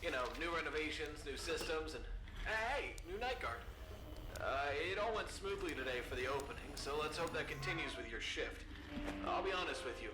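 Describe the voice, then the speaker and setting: A man's voice: fairly high pitch, expressive, fairly quick, echoey room, noisy background, lightly acted. A man playing an awkward, chatty pizzeria manager leaving a game phone message, hesitant and dutiful with wry asides. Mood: awkward, friendly.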